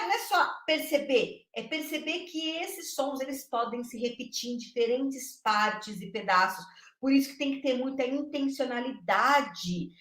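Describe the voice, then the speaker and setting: A woman educator giving an animated live online class, speaking emphatically and checking in often with her viewers. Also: high voice, reverberant. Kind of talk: lively live-stream teaching talk.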